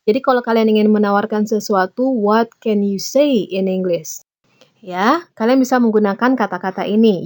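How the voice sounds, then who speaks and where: Woman teaching English phrases. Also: a little high. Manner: reads English example phrases slowly and clearly, then explains them in Indonesian. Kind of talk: bilingual grammar lesson.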